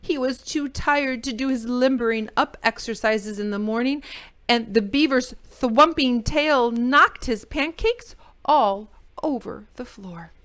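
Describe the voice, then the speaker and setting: A woman hosting library storytime reads a picture book expressively to children, adding chatty asides. Her voice is fairly high and a little slow, and she is animated and exclaiming, with dramatic emphasis for the kids.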